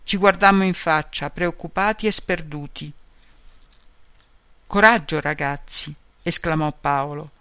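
High, smooth-voiced man reading aloud. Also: normal speed, hardly any pauses, sharp tone, no room sound. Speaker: reader of a memoir.

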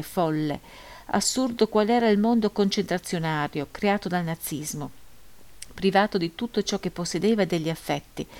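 Brief: woman audiobook reader, lowish voice, grave, measured narration. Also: a little mellow. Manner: measured, solemn, grave reading. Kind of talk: scripted narration of a first-person memoir.

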